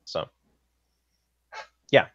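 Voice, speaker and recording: A film props master from Saskatchewan, with a Canadian accent, chats casually as a guest in a podcast interview. He speaks very slowly in a sharp tone, and the audio is dull, lo-fi and slightly roomy.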